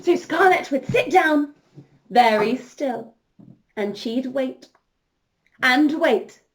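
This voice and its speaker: In a high, slow voice, a woman acting as a princess entertainer shares an interactive story with young children, speaking to them directly. She is animated and encouraging, and the recording carries a little hiss or hum.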